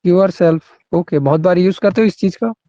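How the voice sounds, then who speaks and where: A man teaches an online grammar class, stopping to ask whether everyone follows and calling on students by name. His voice sits a little high but sounds mellow. The recording is dull and lo-fi, with a dry sound. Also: normal speed, no echo. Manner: explains with repeated checks, questions students by name.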